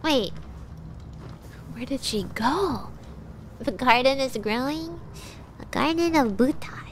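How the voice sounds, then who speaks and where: A woman's voice: high voice, expressive, takes it slowly, slight background noise. A young woman streaming a game with a stuffy nose, bubbly and thanking viewers over and over with bits of Japanese. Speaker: livestreamer. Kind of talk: casual gaming livestream.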